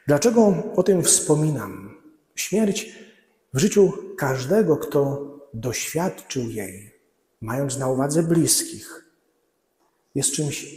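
A middle-aged man preaching a measured Lenten sermon as a priest at a church lectern, his voice sinking low when he quotes scripture. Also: dark tone. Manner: slow, measured preaching with drops to a low voice at quotations. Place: large church, at the altar lectern. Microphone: far camera. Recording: echoey church reverb.

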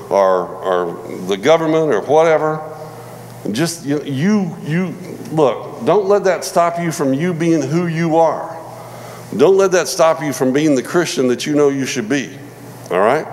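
A man in his forties preaching a sermon in a relaxed, conversational way, often repeating words and checking in with "all right?". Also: on the high side, big-room sound, a little hiss or hum, low-quality recording. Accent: non-Michigan American. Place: church hall.

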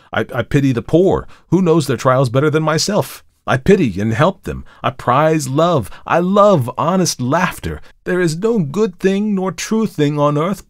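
A man's voice: fairly high pitch, no room sound, studio quality, pitched above the performer's own voice. A man voicing a desperate male murderer who pleads his case in an impassioned, emphatic way, in a dramatic audiobook reading.

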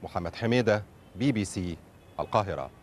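A man reporting in a formal, steady, scripted news narration. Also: on the low side, brisk, slight background noise.

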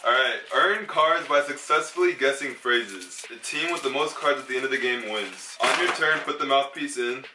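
A young man chatting casually and playfully in slang as a guest in a game video, giggly and animated. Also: medium pitch, normal speed, hardly any pauses, a little hiss or hum. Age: young adult. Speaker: guest playing a party game. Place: small room at home, indoors. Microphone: camera mic a few feet away. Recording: echoey room, distant mic, loud music.

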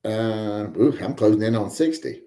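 Streaming from home among wall-mounted guns, this forties-aged host works through viewer chat, drifting off on dry, joking tangents. He has a fairly low, mellow voice at a moderate pace in a reverberant space.

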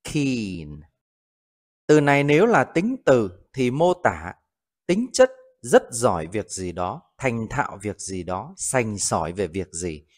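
A man hosts an English vocabulary lesson, speaking slowly and clearly. His pitch rises and falls widely as he stresses each new word. He repeats the example sentences carefully for learners. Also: very animated. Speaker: English teacher.

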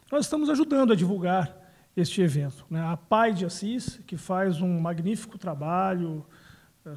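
A man's voice: high-pitched, dark tone. A man, answering interview questions into a handheld microphone, often adding tag words. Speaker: city council president. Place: indoors, small room.

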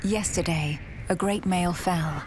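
A woman narrates a nature documentary from a script in a measured storytelling delivery. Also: fairly low pitch, background noise.

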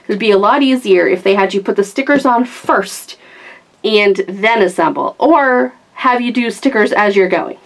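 In a casual toy unboxing and demo chat, a woman gushes enthusiastically about the product. Her mid-range voice is gravelly, and she talks at a normal speed.

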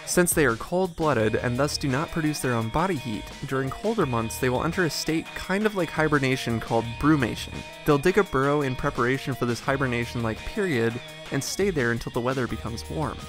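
Male narrator, mid pitch, cheerful educational voice-over with light music underneath. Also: a bit bright.

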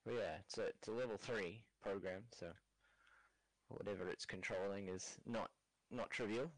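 A low-voiced man talks matter-of-factly as a player in a tabletop game session. The recording is close and dry, with no room around him. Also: fairly even intonation, moderate pace, no echo, poor audio. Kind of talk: casual game chat.

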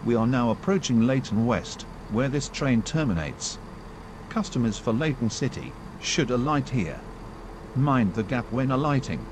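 A man reading scripted train announcements in a formal, measured manner. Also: mid-range voice, animated, noisy background.

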